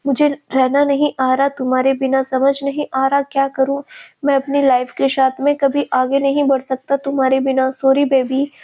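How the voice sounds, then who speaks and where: A woman's voice: sits high, level tone, measured pace, phone-quality sound. A woman voicing a remorseful young man who pleads tearfully with the woman he loves.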